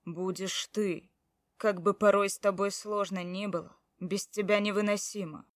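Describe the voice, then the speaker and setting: A stubborn grown husband, gruff and insistent, his voice pushing hard and loud, as a woman puts him on. Every word comes through close and dry, with no room around it. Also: medium pitch, steady tone, normal speed, no room sound, natural voice. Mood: pleading.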